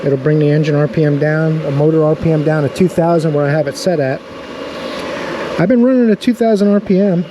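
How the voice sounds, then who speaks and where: A man's voice: on the high side, fairly quick, noisy background. A man casually talking through a pool pump review outdoors by a backyard pool, in an easygoing, chatty way.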